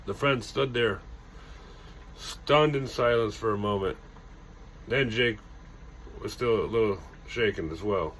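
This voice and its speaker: A man's voice: fairly low pitch, a little slow, pauses often, a bit bright, slight background noise. A man hosting a ghost story channel, telling a tale casually with loose self-corrections and dramatic emphasis. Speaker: storyteller host.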